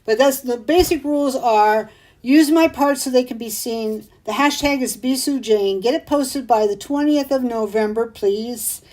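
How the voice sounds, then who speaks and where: A middle-aged woman hosting a craft show, talking in a chatty, rambling way that turns excitable. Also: on the high side, measured pace, poor audio. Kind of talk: casual chat.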